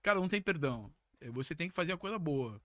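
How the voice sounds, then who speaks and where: A middle-aged man telling a story as a podcast guest, casual and lively, jumping up in pitch whenever he quotes someone. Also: quick pace, no room sound, studio quality. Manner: animated, jumps to high pitch when acting out quoted speech.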